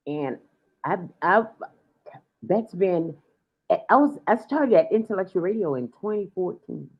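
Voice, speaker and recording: A woman's voice: lowish voice, expressive, a little slow, breathy edge. Chatty woman radio host on a live stream, voice jumps all over, laughs a lot, muffled lo-fi sound. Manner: bubbly, laughs often, chatty. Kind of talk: casual live-stream interview chat. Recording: dull lo-fi stream audio.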